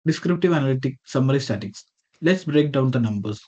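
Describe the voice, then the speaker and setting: A man's voice: mid-range voice, animated, brisk, a little mellow. A man reading a prepared slide presentation over a video call. He reads from a script with small slips and self-corrections. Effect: heard over a video call.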